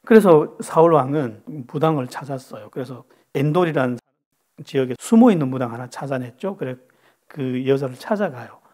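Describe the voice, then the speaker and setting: A man preaching a sermon to his congregation, telling a story lively and asking many rhetorical questions. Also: on the high side. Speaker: pastor.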